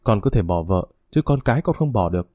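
A man's voice: fairly low pitch, lively intonation, fast, dark tone, no echo, clean studio sound. A man voicing a middle-aged father who pleads and apologizes. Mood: pleading.

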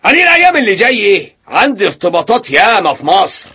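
A puffed-up rustic husband in an Egyptian radio comedy, full of bluster. His voice is bright and a touch husky, and his lines leap up and down. He scolds and brags in the same breath. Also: high voice, very animated, full character voice. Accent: Egyptian Arabic. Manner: blustering and scolding, quick to shout. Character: boastful, bossy rustic husband, newly self-important. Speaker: lead comic actor.

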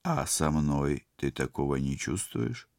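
A careful cyborg navigator who chooses his words slowly and hesitantly, as a male narrator voices him. His voice is deep and slightly rough. The close, dry sound of the reading keeps every word near. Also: animated, a little mellow, no room sound, heavily acted. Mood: cautious.

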